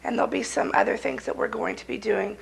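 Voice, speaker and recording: Hoarse woman hosting a cooking show. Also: on the high side, fast, low-quality recording. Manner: folksy, chatty, addresses viewers as y'all. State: hoarse with a cold.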